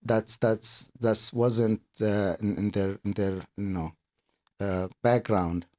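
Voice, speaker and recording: A middle-aged man from Kuwait, a guest speaking in a casual interview, earnest and halting, often repeating words as he explains. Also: on the low side, fairly even intonation, darkish tone. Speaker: podcast guest, accountant and business owner.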